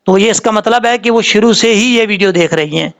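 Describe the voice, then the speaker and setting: A man's voice: high-pitched, fairly quick, fairly bright tone. A man with a Pakistani Urdu accent teaching Quran reading, patiently drawing out letter sounds to show how they are said.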